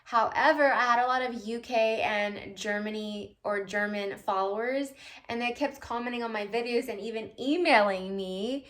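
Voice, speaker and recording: A woman's voice: a little high, normal speed, fairly bright tone. A woman vlogging casually at home, answering viewer questions in a chatty, playful way with loose tangents and asides. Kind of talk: casual chat.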